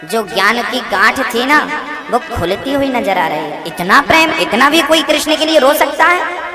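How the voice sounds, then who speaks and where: A man's voice: extremely high pitch, lively intonation, moderate pace, a crowd in the background. A man telling a devotional story in a sermon, emotional and rhythmic, with many repetitions. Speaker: spiritual storyteller. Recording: echoey hall with faint music.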